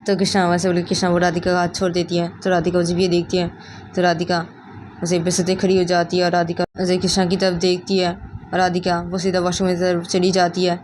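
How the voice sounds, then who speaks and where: A woman's voice: on the low side, completely flat delivery, fairly quick, a little mellow, a little hiss or hum. A woman narrating a romance story in a plain, run-on retelling manner.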